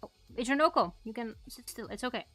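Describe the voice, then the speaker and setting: A woman's voice: fairly high pitch, animated, quick pace, fairly bright tone, no echo, faint music behind. A woman livestreaming as a host, chatting casually in a cute, bubbly anime-streamer manner. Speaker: VTuber art streamer, host.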